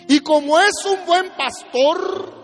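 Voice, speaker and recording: A man preaching a sermon, animated and asking his listeners questions. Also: extremely high pitch, slow pace. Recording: long hall reverb, faint guitar.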